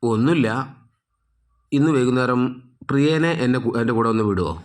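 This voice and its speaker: A man's voice: mid-range voice, moderate pace, lightly acted. A man reading the lines of an estranged father who pleads and persists. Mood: coaxing. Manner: coaxing, persistent.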